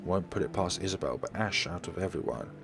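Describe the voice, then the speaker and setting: A let's player with a deep, creaky voice reads a visual novel aloud at a brisk clip, narrating it dramatically like a storyteller. Game music plays behind him.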